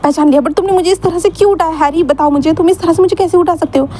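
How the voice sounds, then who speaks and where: A grumpy, sleepy young man snaps back with blunt, irritable replies, as a woman puts him on. The voice sits high in pitch for the storybook reading. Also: rapid-fire, mellow, a little hiss or hum. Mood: annoyed.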